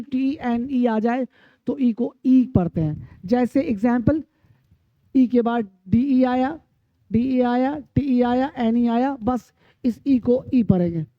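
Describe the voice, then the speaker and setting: A woman with a high voice teaches pronunciation at an unhurried pace, drilling long lists of words and answering her own questions. Her voice is dry and close, with a dull, lo-fi sound. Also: no room sound. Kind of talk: classroom-style lesson.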